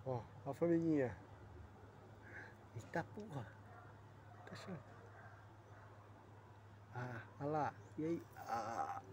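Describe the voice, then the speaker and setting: A man's voice: on the high side, background noise. A man talking affectionately to his dog in baby talk, laughing and cursing. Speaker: dog owner filming his pet. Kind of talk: casual home video talking to a dog.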